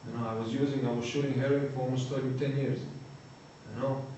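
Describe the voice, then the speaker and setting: Croatian man, halting talk in an echoey hall. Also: mid-range voice, flat delivery, warm tone. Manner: halting, searching for words, frequent "you know". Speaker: recovering addict giving testimony. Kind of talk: personal testimony talk. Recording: echoey hall, distant mic, faint noise.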